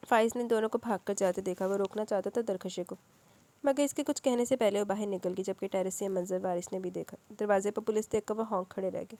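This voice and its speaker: A woman reads a dramatic novel aloud in a steady, dark voice. She acts out the characters' lines, raising her pitch as the emotion builds.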